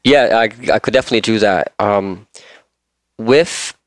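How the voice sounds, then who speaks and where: A man's voice: lowish voice, unhurried, no echo. A man in his twenties, from Austria, speaking as a guest on a podcast, eager and rambling with restarts. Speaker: guest listener. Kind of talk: casual podcast chat.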